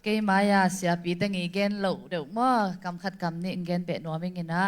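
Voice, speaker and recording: A woman giving spoken feedback on a singing performance in a measured way. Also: fairly low pitch, steady tone.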